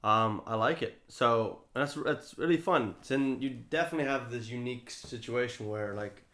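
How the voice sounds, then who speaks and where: A man talks loosely through story ideas, his sentences wandering and padded with filler words. His voice sits at an ordinary middle pitch. The room around him adds a noticeable echo. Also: normal speed, sharp tone. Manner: loose and rambling, full of "like" and "you know". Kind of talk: casual brainstorming chat. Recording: roomy echo.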